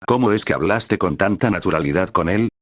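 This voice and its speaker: A man's voice: low-pitched, lively intonation, brisk, dry recording, studio quality. A man voicing a tense young ninja girl with a tight, strained voice in a fan-fiction reading.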